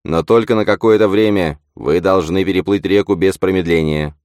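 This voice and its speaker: A man voicing an old village woman who calls out urgent commands in a strong, clear voice. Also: low-pitched, normal speed, darkish tone, no echo, studio quality, pitched above the performer's own voice, close to an everyday voice. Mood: urgent commanding.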